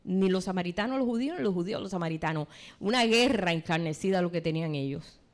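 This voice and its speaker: A woman's voice: fairly low pitch, expressive, quick pace. A woman preacher giving a sermon, retelling a scripture story and addressing the congregation directly.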